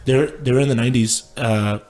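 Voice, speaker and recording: A Texan man in his late twenties rambles through his life story as a podcast guest, his mid-range, darkish voice fast and fairly even in intonation. He's loose and profane, full of fillers like "like," with casual swearing and frequent restarts.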